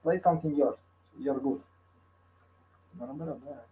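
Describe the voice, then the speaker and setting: A man teaching piano over a video call, halting and hesitant, often scatting rhythms on syllables to demonstrate. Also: mid-range voice, mellow, slight background noise, poor audio. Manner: halting, hesitant speech that falls back on another language. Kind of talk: online music lesson.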